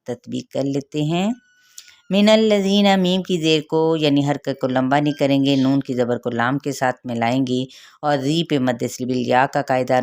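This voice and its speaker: A woman with a Pakistani Urdu accent teaches Quran recitation rules, drawing out each word slowly before explaining it quickly. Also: rumbling low, a little mellow. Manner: slow, drawn-out sounding of each word, then quick explanations.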